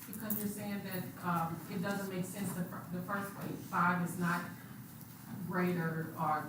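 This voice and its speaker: A woman student asks questions in a hesitant, halting way. She is far from the mic in a very echoey classroom, with clear room noise around her. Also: fairly low pitch, fairly even intonation, fairly bright tone. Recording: distant in an echoey, noisy classroom.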